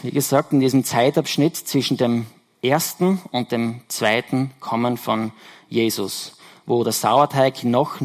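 A man delivers a Sunday sermon in an explanatory, conversational way. He pauses to correct himself and stresses key words by repeating them. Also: mid-range voice. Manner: explanatory, self-correcting, emphatic repetitions. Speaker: preacher.

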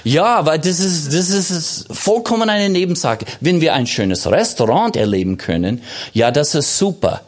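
A man's voice: a little high, big pitch swings, moderate pace. A man preaching a sermon as pastor, stressing his points by repeating phrases and by asking questions and answering them himself.

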